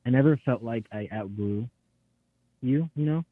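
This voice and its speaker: A nineteen-year-old man leaving an earnest voicemail, played back over a phone line, halting and repeating words. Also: mid-range voice, no room sound. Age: teens. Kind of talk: casual voicemail message.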